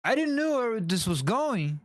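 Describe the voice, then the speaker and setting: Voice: medium pitch, very animated, a little slow, no echo. Co-host, crude interjections, dry close sound. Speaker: podcast co-host. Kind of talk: casual comedic banter.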